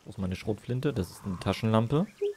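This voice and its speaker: A man's voice: lowish voice, lively intonation, brisk, warm tone, a little hiss or hum. A man thinking aloud in casual, rambling commentary while livestreaming a game. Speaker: livestreamer, gamer. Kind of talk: casual live gaming commentary.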